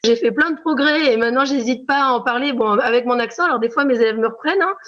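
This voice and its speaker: French preschool teacher, slightly high voice. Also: female voice, fast, fairly bright tone, muffled recording. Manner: spontaneous, hesitant with fillers. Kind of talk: testimonial interview.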